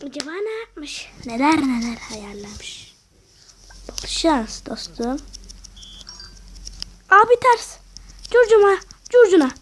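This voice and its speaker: A woman giving casual, excitable, slangy commentary while playing a video game, talking to herself. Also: high-pitched, slow, long pauses, a little hiss or hum. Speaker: gamer.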